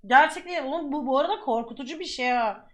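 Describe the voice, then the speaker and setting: A young adult woman streamer giving chatty, excitable reaction commentary with lots of exclamations. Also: high-pitched, quick pace.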